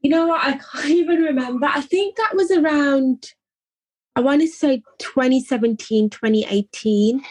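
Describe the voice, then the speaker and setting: A young woman from England, an artist answering interview questions in a soft, reflective way, often saying "like" and "I think". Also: high-pitched, normal speed, dry recording.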